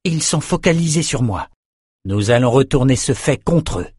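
A man voicing a grim, wounded male lord leading a battle, speaking in steady, reasoned commands in an audiobook. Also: medium pitch, normal speed, husky, no echo, studio quality, pitched above the performer's own voice. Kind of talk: audiobook character reading.

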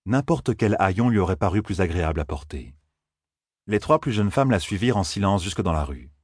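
A man narrating an audiobook in a steady, measured storytelling manner. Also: low voice, slightly rough, no echo, studio quality. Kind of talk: scripted narration.

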